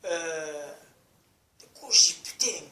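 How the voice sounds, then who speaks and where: A man rambles crudely to his viewers, circling back to the same complaints again and again. His voice is bright and pushed forward. The recording is roomy and echoing. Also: a little high, lively intonation, slow pace. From France. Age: 30s. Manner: rambling, crude, repeats himself. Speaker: vlogger. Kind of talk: casual rant to camera. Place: outdoors in sunny street.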